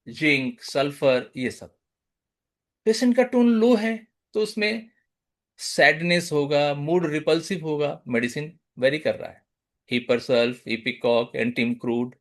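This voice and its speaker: A man with an Indian English accent giving a webinar lecture on homeopathy over a video call, listing remedy names one by one and mixing Hindi and English. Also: a little high.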